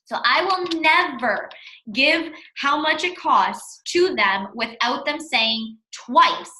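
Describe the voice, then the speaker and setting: A woman with a bright, slightly high voice gives a casual coaching talk, blunt and emphatic, repeating words to drive a point home. She sounds like a fitness coach training her sales team. The room around her rings with echo. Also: lively intonation, slow, slight background noise. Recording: echoey room.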